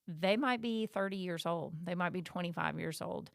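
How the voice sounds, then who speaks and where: Smooth-voiced chatty middle-aged woman. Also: on the low side, moderate pace, no room sound, clean studio sound. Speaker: podcast co-host. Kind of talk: casual podcast chat.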